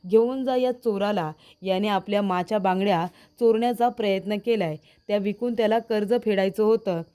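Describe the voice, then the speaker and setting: A woman voicing a sharp, protective young woman who confronts a thief in the family. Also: medium pitch, fairly even intonation, normal speed, clean tone, natural voice. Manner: sharp, accusing.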